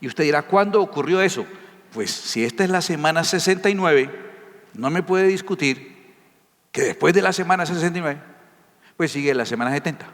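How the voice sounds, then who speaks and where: A man's voice: fairly high pitch, expressive, fairly quick, a bit bright. A man preaching a sermon as a pastor, emphatic and firing rhetorical questions at his listeners. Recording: reverberant hall.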